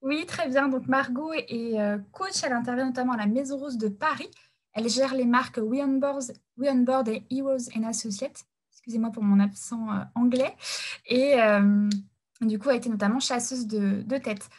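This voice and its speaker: Woman hosting a webinar on a video call, highish voice, lots of ums and restarts. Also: normal speed. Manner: hesitant, many fillers and restarts. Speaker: webinar host and support worker.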